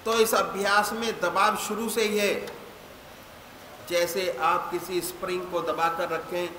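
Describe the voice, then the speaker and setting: A man, a spiritual teacher giving a slow, measured sermon with deliberate pauses. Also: sits high, little pitch movement, bright, forceful tone, a little hiss or hum. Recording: echoey hall with faint ambience.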